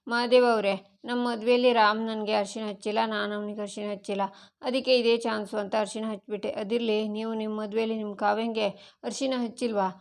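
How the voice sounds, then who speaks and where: A woman's voice: fairly high pitch, level tone, a little fast, gravelly. A woman voicing a playful, mischievous young woman who teases the others. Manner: teasing.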